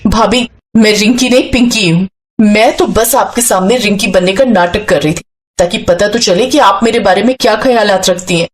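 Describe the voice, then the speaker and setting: A woman's voice: mid-range voice, normal speed, slight background noise, natural voice. A woman voicing a hot-tempered, spoiled young woman who scolds shrilly. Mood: angry.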